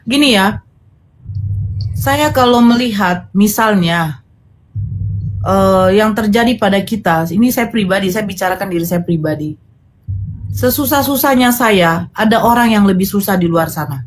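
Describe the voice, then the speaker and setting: A woman talks earnestly in a live audio chat room, explaining her advice at a middle pitch and often repeating words as she thinks. Her phone mic picks up a faint hiss of background noise behind her. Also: lively intonation, measured pace, pauses often, rough recording. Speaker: live-stream chat participant.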